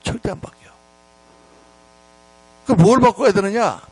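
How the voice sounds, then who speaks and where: A middle-aged man preaching a revival sermon in a church, telling stories in an animated, scolding and then humorous way. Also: high voice, unhurried, husky, dry recording. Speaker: pastor. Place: church sanctuary.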